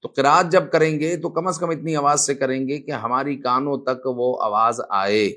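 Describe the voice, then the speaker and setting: Bright-voiced man teaching religious rules. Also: medium pitch, steady tone. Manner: explanatory, demonstrates recitation. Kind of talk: religious lesson.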